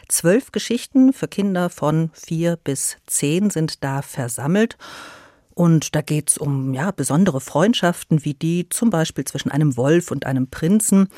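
A woman's voice: low-pitched, mellow, no echo. Woman radio guest, eager and explanatory, dry studio. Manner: enthusiastic, explanatory. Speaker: radio guest presenting a story podcast. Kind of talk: radio interview.

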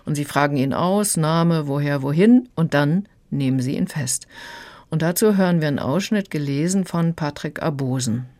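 A woman critic discussing an audiobook on the radio, explaining the story clearly. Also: deep voice, moderate pace, a little mellow. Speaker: book critic guest. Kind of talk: radio book-review discussion.

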